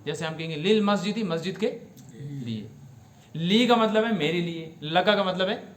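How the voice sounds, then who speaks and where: بلند آواز، گونجتا ہوا کشمیری لہجے والا بزرگ مفتی. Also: male voice, high-pitched, animated, reverberant. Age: older. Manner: explanatory, asks the audience questions and repeats Arabic words slowly. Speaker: mufti teaching Quran commentary. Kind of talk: religious lesson.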